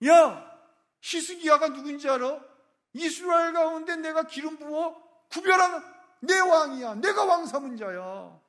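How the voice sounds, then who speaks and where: A man voicing God as a stern figure who scolds a proud king in blunt, street-tough shouts. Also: very high voice, expressive, a little slow, voice pushed up, heavily acted. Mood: scolding, furious.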